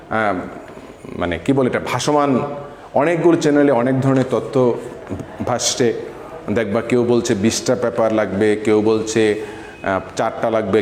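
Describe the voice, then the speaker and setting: A man's voice: on the high side, darkish tone. Echoey man teaching a physics lesson. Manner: asks questions and answers them himself, repeats key points; mixes English words into Bengali. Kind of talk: classroom lesson explaining an assignment. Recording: echoey room with long reverb, faint background noise.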